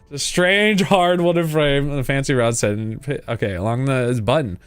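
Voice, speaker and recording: A man's voice: mid-range voice, fairly quick, clean tone, dry recording. A man giving a casual, playful game playthrough, reading text aloud and muttering asides to himself. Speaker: gaming video host.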